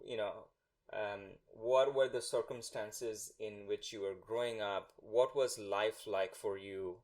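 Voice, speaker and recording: A man hosting a podcast in a casual way, working around his questions at length before getting to the point. His voice sits somewhat low. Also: fairly even intonation, slow pace. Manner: rambling questions with fillers like "like" and "you know". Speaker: podcast host. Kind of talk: conversational interviewing.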